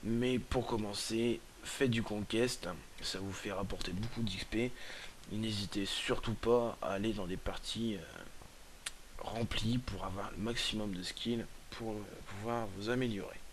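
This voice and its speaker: A man with a hoarse, sick-sounding voice giving halting, casual commentary on gameplay, often repeating himself. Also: on the low side, fairly even intonation. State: hoarse, sore throat from being sick. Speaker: gaming video presenter. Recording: noisy, with game gunfire and clicks. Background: video game gunfire and clicks.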